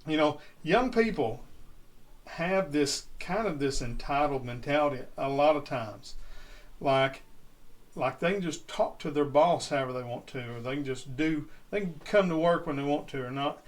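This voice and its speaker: A man's voice: on the high side, moderate pace. A man co-hosting a casual sports chat, plain-spoken and rambling. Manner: folksy, rambling, plain-spoken with Southern phrasing. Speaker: podcast co-host.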